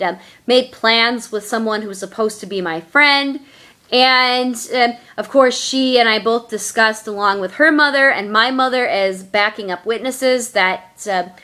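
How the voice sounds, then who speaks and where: Young woman vlogging, bright voice a bit high, earnest, lots of ums. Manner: earnest, halting with many fillers. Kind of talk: personal vlog storytelling.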